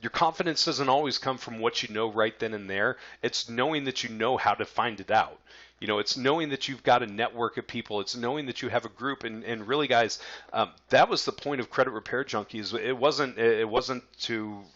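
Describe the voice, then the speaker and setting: A man's voice: mid-range voice, fairly quick, fairly bright tone, highs cut off. A man teaching a casual marketing lesson, talking to his viewers in a loose, conversational way with many fillers and restarts. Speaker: business coach.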